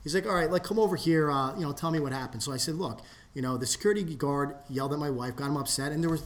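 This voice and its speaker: A man in casual podcast chat, telling a long story with many restarts and trailing off into low mutters. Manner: rambling, restarts often, drops to a low mutter when quoting.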